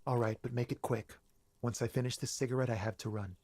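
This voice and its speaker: An actor playing a nervous young man on a balcony in a game, speaking quietly and evasively. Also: mid-range voice, fairly even intonation, fast talker, lightly acted. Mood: guarded. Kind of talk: game voice acting.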